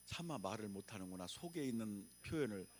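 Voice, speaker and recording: A man's voice: fairly low pitch, expressive, fairly quick, darkish tone, a little hiss or hum. A male pastor from preaching a revival sermon, calling on the congregation to repeat after him and answer back. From Chungcheong, Korea.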